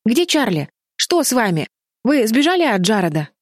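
A woman's voice: a little high, sing-song, moderate pace, no room sound, studio quality, pitched above the performer's own voice. Brief: woman reading as a headstrong young girl, raised and urgent, storybook. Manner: urgent, insistent. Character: girl, protective older sister, determined and stubborn.

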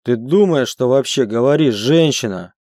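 A man reading an audiobook, voicing a huge, gruff bear-shifter husband who growls and gives orders, in a dry room. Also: medium pitch, lively intonation, normal speed, a little mellow, dry recording, lightly acted. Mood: loud upset. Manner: commanding, bossy. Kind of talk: audiobook character voice.

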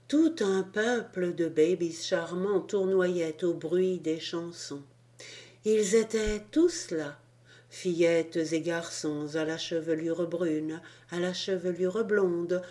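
A woman reading a storybook aloud as an audiobook narrator, calm and measured. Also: on the low side. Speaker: audiobook reader.

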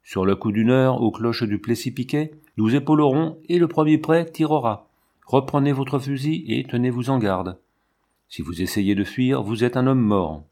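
A man's voice: mid-range voice, normal speed, a little mellow, close to an everyday voice. A man voicing a stern aristocratic count who speaks curtly and imperiously in an audiobook. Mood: resolute. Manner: curt, imperious, menacing. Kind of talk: audiobook narration.

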